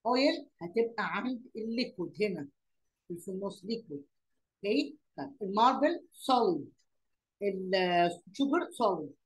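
Teaching young children, this Egyptian Arabic-accented woman speaks at a medium pitch and a moderate pace, expressively. She repeats words, poses questions aloud and slips English lesson vocabulary into her Arabic. The recording quality is low.

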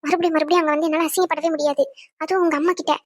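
A woman's voice: high voice, level tone, very fast, no room sound, close to an everyday voice. A woman voicing a tearful, stubborn young wife in a cartoon drama, pleading and hurt.

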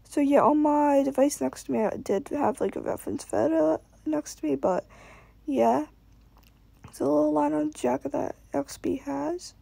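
Tired young woman with heavy vocal fry. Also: high-pitched, normal speed, mellow, no echo. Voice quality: creaky. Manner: tired, exhausted-sounding. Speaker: amateur artist narrating own drawings. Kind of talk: casual voice-over on a sped-up drawing video.

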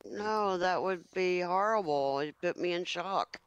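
A woman's voice: lowish voice, a little slow, clean tone, lo-fi sound. Breezy woman playing a doctor. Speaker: player acting as a hospital doctor. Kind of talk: casual game role-play over voice chat.

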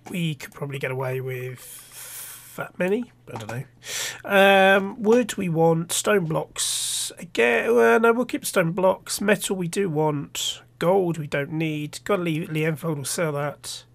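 He's a let's play host with a cold, so his voice is slightly nasal from a stuffy nose as he casually thinks aloud through his game, restarting now and then. The voice is high-leaning and gravelly, measured in pace with hardly any pauses.

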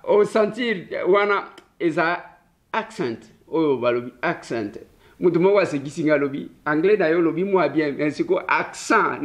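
Chatty man hosting a talk show. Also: on the high side. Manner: chatty and joking, repeats himself, many fillers. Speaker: host of a political talk show. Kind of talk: casual show introduction, mixing French and Lingala.

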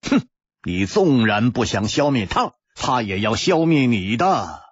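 A man voicing a calm, wise male swordsman hero in a pingshu audiobook, speaking in a measured, weighty way with sighs. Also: mid-range voice, slightly rough, no room sound, muffled recording. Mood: earnest. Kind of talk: pingshu storytelling.

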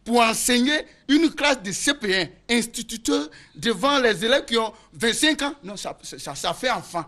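A man with an Ivorian French accent performs a comic monologue as a village schoolteacher, animated and often laughing. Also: very high voice, normal speed. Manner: animated storytelling with frequent laughter. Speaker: comedian playing a village schoolteacher.

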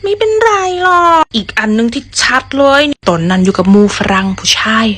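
A woman's voice: a little high, sing-song, a little fast, fairly bright tone. A young woman with an Isan Thai accent, chatting playfully in a vlog and acting out English phrases. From Thailand. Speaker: vlogger teaching English. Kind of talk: casual storytelling vlog.

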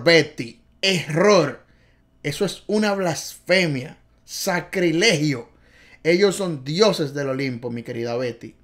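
Playful, exuberant male driving tutor, fairly high voice, repeats everything. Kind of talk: video lesson.

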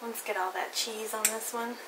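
A woman with a slightly high voice runs a casual cooking demonstration in her home kitchen, teasing playfully and laughing often as she works. The recording is noisy, with clattering dishes and cutlery behind her. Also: fairly even intonation, normal speed. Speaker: cooking vlog host and mother.

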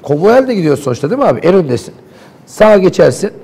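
Fast, gravelly-voiced man telling it indignantly. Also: high voice. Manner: animated, indignant storytelling. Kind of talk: heated studio talk. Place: local TV studio.

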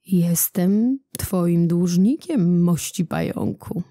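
Storybook prince on the run: noble, grave, slow and hushed, voiced by a woman narrator. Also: on the low side, steady tone, breathy edge, dry recording, clean studio sound. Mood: earnest. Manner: slow, earnest, often hushed.

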